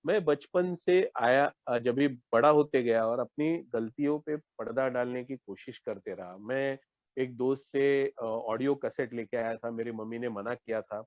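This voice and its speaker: A man's voice: mid-range voice, steady tone, normal speed, dry recording. A man from India telling his own recovery story at an online meeting, earnest, acting out his past words to his family and himself. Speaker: recovering alcoholic sharing at a meeting. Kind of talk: personal recovery share. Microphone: online meeting call. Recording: dull lo-fi online call audio.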